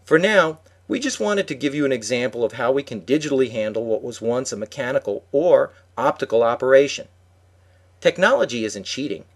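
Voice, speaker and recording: A man's voice: medium pitch, animated, a little fast. A man co-hosting a podcast, reading a prepared script in an instructive way. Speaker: podcast co-host.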